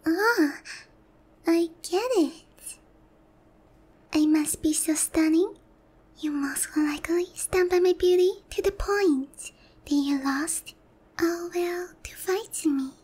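For roleplay ASMR, a woman voices a demon queen with a very high, girlish pitch and a darkish tone, speaking slowly and theatrically and often dropping into breathy near-whispers. Her haughty, teasing pride masks a lonely, easily flustered heart, and here she sounds teasing and smug.

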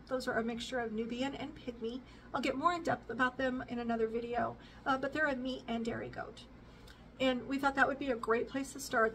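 A woman's voice: on the high side, a bit bright, distant mic, a little hiss or hum, low-quality recording. A woman in her forties chatting casually to camera about her homestead, rambling with many fillers, in a living room with bookshelves. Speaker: homestead vlogger. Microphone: camera at a distance.

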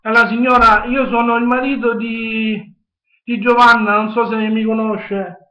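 A man in his twenties with a southern Italian accent pleads insistently and hesitantly on a prank call. His voice is very high and forceful, picked up by a webcam in an echoey room. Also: level tone, normal speed, dull audio. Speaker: prank caller. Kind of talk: improvised phone prank chat. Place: small home kitchen, indoors. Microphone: webcam at arm's length.

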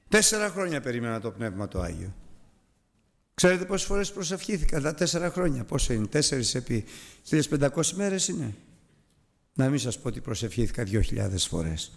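A man delivering a preaching Bible lesson in a fairly high voice that leaps and swoops all over. He fires rhetorical questions at his listeners and mixes in self-mocking asides. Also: vocal fry. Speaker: Bible teacher.

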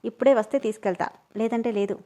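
A woman reading the part of a gruff, bossy young man in a storybook, with sharp, commanding lines. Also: a little high, quick pace, natural voice.

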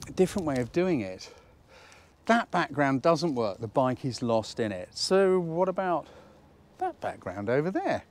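Teaching to camera at a waterside harbour slipway, a British man in his fifties who works as a photography instructor and presenter sounds squeaky because he has a cold. His casual, jokey instructional chat is full of rhetorical questions, and his tone is darkish.

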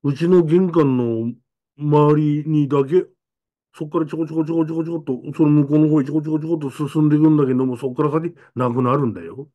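A man voicing a rural boy who speaks in an Aomori dialect, telling his story slowly and earnestly. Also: on the high side, expressive, warm tone, highs cut off. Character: rural boy transfer student, plain-spoken.

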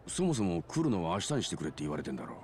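Very deep, rough-talking sidekick. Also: male voice, big pitch swings, very fast, a little hiss or hum. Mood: frank, chiding. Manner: rough, frank, chiding. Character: easygoing, scolding middle-aged male sidekick. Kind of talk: video game drama acting.

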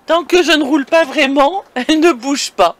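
A woman with a high voice narrates a vlog at normal speed from inside a camper van, which may be moving or parked. She chats casually and directly to her viewers over engine and road noise.

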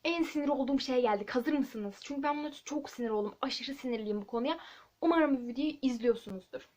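Teen girl vlogger, rapid chatty storytelling, slightly high voice. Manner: chatty, animated storytelling with asides. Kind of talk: casual chat to camera. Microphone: handheld camera.

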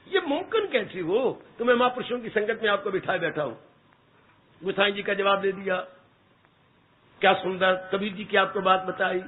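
Male spiritual teacher, high voice, animated storytelling sermon, tinny phone-like recording. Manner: animated, acts out dialogue in stories, addresses listeners as son and daughter. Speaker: spiritual teacher giving satsang.

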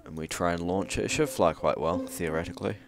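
A man's voice: deep voice, steady tone, quick pace, gravelly. A man giving loose, rambling gameplay commentary, full of fillers and restarts. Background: loud background music.

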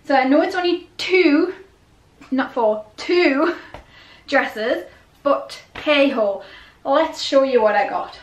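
With a high voice and a slow pace, a middle-aged vlogger chats casually in a small indoor bedroom, where the recording carries a roomy echo. Much like a clothing haul vlog, she rambles slightly and asks herself questions.

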